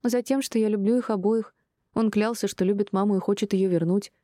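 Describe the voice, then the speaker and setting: A woman's voice: mid-range voice, fairly even intonation, fairly quick, dark tone, dry recording, studio quality, pitched above the performer's own voice, natural voice. A woman voicing an emotional grown daughter who pleads and defends herself through tears. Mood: pleading. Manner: pleading, tearful.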